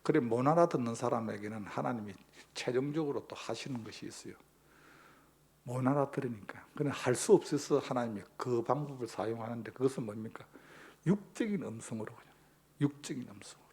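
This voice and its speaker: A man's voice: medium pitch, animated, fairly quick, creaky, a little mellow, breathy edge. A male pastor, preaching a sermon emphatically and posing rhetorical questions to the congregation.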